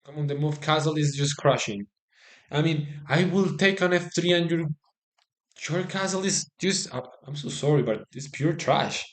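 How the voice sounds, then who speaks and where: Male chess streamer, slightly high voice, excitable, informal, hammers home phrases by repeating them. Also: normal speed. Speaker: chess commentator.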